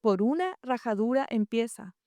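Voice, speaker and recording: A woman's voice: on the high side, animated, moderate pace, mellow, dry recording, studio quality. A woman co-preaching a sermon about parenting, who explains points and asks the audience questions. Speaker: co-speaker, pastor's wife.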